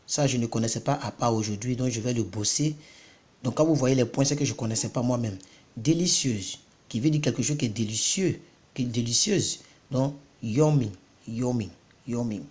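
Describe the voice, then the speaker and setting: A man's voice: medium pitch, lively intonation, moderate pace, darkish tone. A man from Côte d'Ivoire, giving a casual vocabulary lesson and repeating each word several times before explaining it. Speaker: self-taught English vocabulary tutor.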